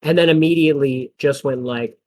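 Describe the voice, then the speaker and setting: A young man with a slightly higher voice chats on a podcast and tells door-to-door stories. He acts out what people said and laughs often, in a relaxed, casual way. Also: a little fast. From American Midwest. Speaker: podcast co-host. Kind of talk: casual chat.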